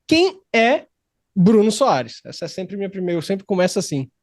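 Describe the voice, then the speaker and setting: A man from Brazil, hosting a podcast studio interview in an excited, slangy, rambling way. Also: high voice, moderate pace, dry recording. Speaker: podcast host. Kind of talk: casual interview chat.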